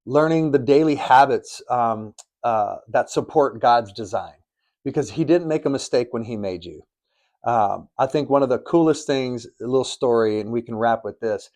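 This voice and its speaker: Recording in a studio in Arizona, this middle-aged co-host of a faith podcast shares stories earnestly and with a preachy tone. He talks at normal speed in a medium-pitched, slightly mellow voice.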